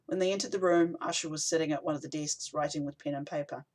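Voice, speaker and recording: A man narrates an audiobook in a steady, even voice. His reading is scripted and measured. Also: fairly high pitch, rough recording.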